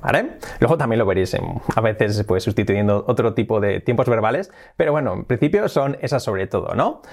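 Lively teacher explaining English slang. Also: male voice, on the low side, a little fast, vocal fry. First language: Spanish. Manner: lively, emphatic, repeats words and example phrases. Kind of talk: online video lesson.

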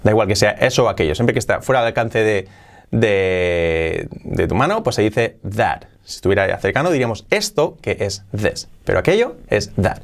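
A man whose first language is Spanish, teaching an online English lesson with lively explanations and slow, repeated example phrases. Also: fairly low pitch.

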